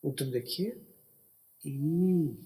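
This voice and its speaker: A man's voice: fairly high pitch, takes it slowly, dark tone. A man teaches English words by spelling them out letter by letter and patiently explaining each sound. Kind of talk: slow spelling and pronunciation lesson.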